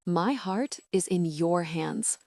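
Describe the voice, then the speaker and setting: Woman reading a dominant, devoted billionaire lover; low, earnest, insistent. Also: animated, slow pace, a little mellow, no room sound, studio quality, heavily acted. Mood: earnest, tender. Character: intense devoted billionaire man, protective, dominant.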